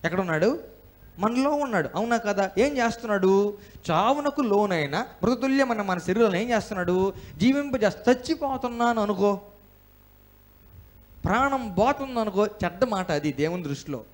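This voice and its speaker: A man's voice: high-pitched, expressive, normal speed. A male pastor from India preaching a sermon in church. He speaks emphatically, asks the congregation questions and has them repeat lines after him.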